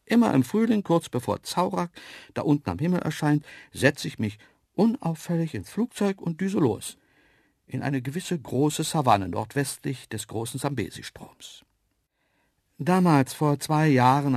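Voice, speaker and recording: A man narrating a children's story in the first person, lively and playful, with hushed asides. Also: medium pitch, gravelly, dry recording, studio quality. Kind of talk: storybook reading.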